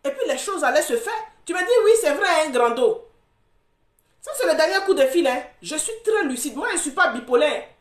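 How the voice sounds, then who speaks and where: A woman with a high, lively voice argues in a confrontational, repetitive way, often breaking into mocking laughter. Her voice swings widely in pitch. She sounds like she is in an echoey room. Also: brisk. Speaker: social media commentator. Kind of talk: heated live argument.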